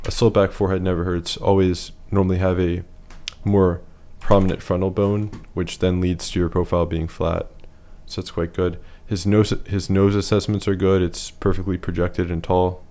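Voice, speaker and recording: A man's voice: low voice, level tone, normal speed, few pauses, dark tone. A man losing his voice, giving a casual, matter-of-fact voice-over that rates features one by one. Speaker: facial analysis presenter.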